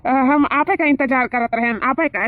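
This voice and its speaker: A woman voicing a flirtatious, boastful brother-in-law in a cartoon, speaking in a smooth, coaxing way. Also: high-pitched, normal speed, natural voice. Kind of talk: cartoon voice acting. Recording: dry, tinny phone-like audio.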